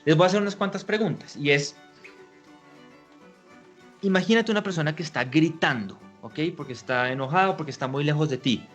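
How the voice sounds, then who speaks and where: A man, an orchestra conductor, giving a lecture on music in an explanatory way, often asking his listeners rhetorical questions. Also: on the high side. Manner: acts out shouted and slowed example lines.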